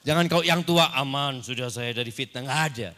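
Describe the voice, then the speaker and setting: A man's voice: mid-range voice, fast, pushed and bright, in a large hall. A man speaking as an ustadz on a panel, giving religious advice to a congregation in a light, joking manner.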